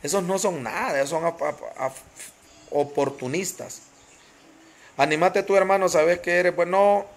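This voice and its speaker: A man's voice: high voice, unhurried. A man with a Honduran accent ranting passionately on a live stream, greeting viewers by name and repeating phrases for emphasis. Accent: Honduran Spanish.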